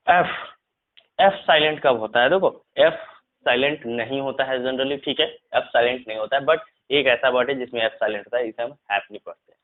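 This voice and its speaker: A man teaching English spelling rules to students, repeating each rule and checking in with them often. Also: mid-range voice. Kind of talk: classroom lesson explaining spelling rules. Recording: tinny phone-like lo-fi sound.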